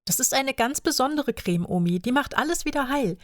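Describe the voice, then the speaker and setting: A woman's voice: high-pitched, animated, brisk, dry recording, voice pushed up. A woman voicing an earnest, caring little girl who pleads eagerly, read in a storybook. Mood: pleading. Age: child.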